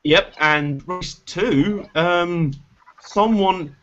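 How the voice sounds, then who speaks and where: A man's voice: high-pitched, drawn-out words, fairly bright tone. A British man hosting a casual motorsport chat show over a video call, rambling and joking at his own expense. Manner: chatty, rambling, self-mocking jokes. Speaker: show host. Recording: slightly dull lo-fi audio with faint hiss.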